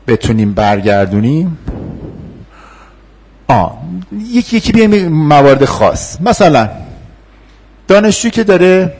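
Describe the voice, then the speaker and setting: Husky-voiced man teaching a class. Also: mid-range voice, a little mellow. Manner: conversational, laughs often, acts out replies to students. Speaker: instructor. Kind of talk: classroom lecture with role-play.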